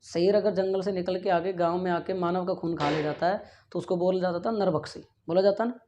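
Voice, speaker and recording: There's a little hiss or hum behind this brisk, high, darkish male voice, its intonation fairly even. A physics teacher, he lectures and pleads earnestly with students, frequently asking if they follow and saying "yaar", in a classroom with a board on a dull lo-fi recording.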